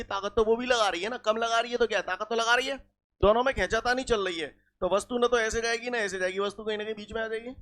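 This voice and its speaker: High, bright-voiced male physics teacher. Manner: keeps asking students if they follow; explains with everyday examples and repeats key points. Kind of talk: classroom lesson.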